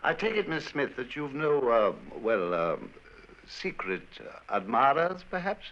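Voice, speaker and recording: An actor playing a kindly Victorian doctor in an old radio drama, stammering in a bluff, gallant way. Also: male voice, mid-range voice, very animated, a little slow, a bit bright. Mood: earnest. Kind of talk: 1940s radio acting. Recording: dull old radio broadcast.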